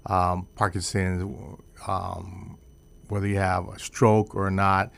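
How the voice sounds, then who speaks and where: A man's voice: low voice, little pitch movement, slow pace, gravelly, a bit bright. A man hosting a radio interview, talking earnestly with stumbling restarts. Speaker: radio host.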